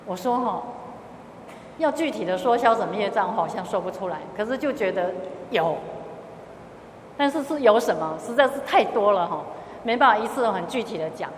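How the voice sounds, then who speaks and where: A woman's voice: mid-range voice, expressive, a little fast, reverberant, in a large hall, slight background noise. A middle-aged woman with a Taiwanese accent, a lay Buddhist speaker telling a gathering about her experiences and slipping into Hokkien phrases. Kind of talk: testimony talk to a gathering.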